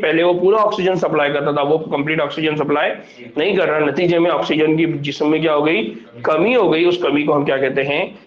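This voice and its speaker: High-voiced male teacher quizzing his class. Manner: quizzes the class with constant questions. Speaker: biology teacher. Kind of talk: classroom lecture. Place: classroom with students. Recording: echoey, dull classroom recording.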